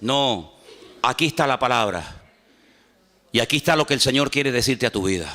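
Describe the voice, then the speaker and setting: A man preaching a sermon as a pastor, animated and humorous, acting out little dialogues. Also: medium pitch, moderate pace. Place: church. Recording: church hall reverb.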